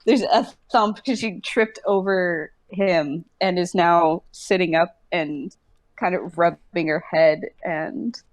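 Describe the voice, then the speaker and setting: A woman narrating a tabletop game as game master, thinking aloud with hesitant pauses. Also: lowish voice, no echo.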